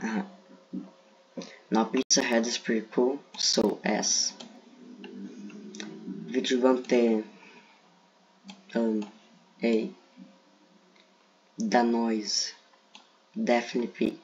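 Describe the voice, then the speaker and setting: In a flat, slightly rough mid-range voice, a man from Brazil speaks English as a second language, his native Portuguese coloring a Brazilian accent. Stretching words and pausing often, he hesitantly thinks aloud with fillers while ranking game characters for a casual tier list video. The mic sounds dull and lo-fi.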